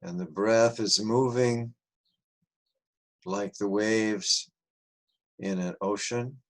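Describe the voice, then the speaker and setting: A man guiding a meditation, speaking softly and soothingly with long pauses. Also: on the low side, fairly even intonation. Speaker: meditation guide. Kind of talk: guided meditation.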